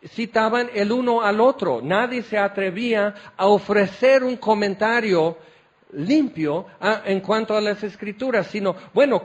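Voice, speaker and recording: A man preaching a sermon, animated and teasing, firing questions at his listeners. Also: high voice.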